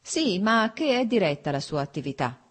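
A woman's voice: mid-range voice, big pitch swings, a little fast. A woman doing a cold, stiff official. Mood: sardonic. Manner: cold, curt, sardonic. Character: cold, stiff middle-aged official man.

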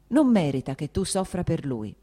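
A woman voicing a caring older married sister who speaks in an earnest, soothing and measured way. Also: deep voice, sing-song, dark tone, husky, heavily acted.

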